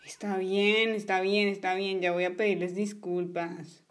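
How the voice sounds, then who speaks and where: A woman's voice: medium pitch, level tone, unhurried, noisy background, lightly acted. A woman voicing a bossy, stubborn young boy in a toy play story, whiny in manner.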